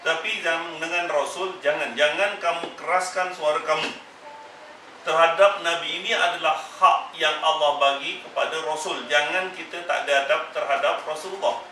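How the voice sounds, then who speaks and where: A man gives a religious lesson, pressing the same warnings again and again with emphasis. His voice is bright and sits fairly high. It is picked up from a distance in a roomy, echoing space with a faint hiss behind it. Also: fairly even intonation, normal speed. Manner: emphatic, repetitive admonishing. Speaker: religious teacher. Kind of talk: Quran exegesis class. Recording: echoey room, mic far off.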